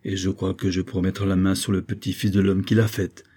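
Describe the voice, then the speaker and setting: A man reading aloud voices an effusive, flattering middle-aged army major with a theatrical, gushing manner. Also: low voice, brisk, husky. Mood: jovial.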